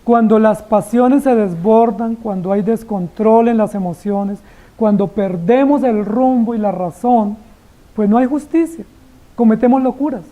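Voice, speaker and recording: A woman's voice: on the high side, a little slow, warm tone, rough recording. A woman preaching an expository sermon, dramatically acting out biblical dialogue and firing rhetorical questions at the congregation.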